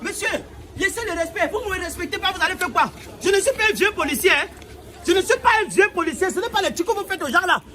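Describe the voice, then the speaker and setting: A man's voice: very high-pitched, fast talker, sharp tone, some chatter behind, heavily acted. A man playing a bossy young traffic cop. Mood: agitated. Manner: stern, insistent, repeats curt orders. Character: young male traffic cop, fresh from training, bossy and officious. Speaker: traffic police officer. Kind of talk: comedy sketch acting. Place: outdoors at a roadside checkpoint.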